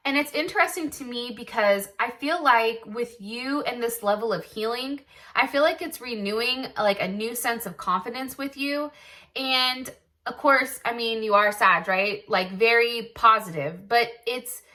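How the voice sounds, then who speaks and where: Bright-voiced, blunt woman reading tarot. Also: a little high, unhurried. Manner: chatty and blunt, with casual swearing; thinking aloud, full of "like" and "I feel like". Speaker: tarot reader.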